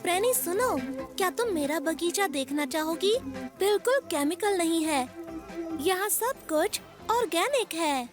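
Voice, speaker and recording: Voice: very high voice, lively intonation, unhurried. An actor voicing Pion, a proud, stubborn little boy cub who keeps a garden, in a Hindi cartoon dub, answering in a slightly prickly way. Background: loud children's music.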